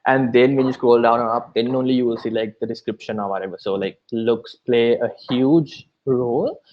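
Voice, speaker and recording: A man's voice: mid-range voice, moderate pace, dull audio. A man in his twenties, a podcast co-host, chatting casually and laughing between filler-heavy sentences. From Sri Lanka. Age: 20s. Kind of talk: casual chat.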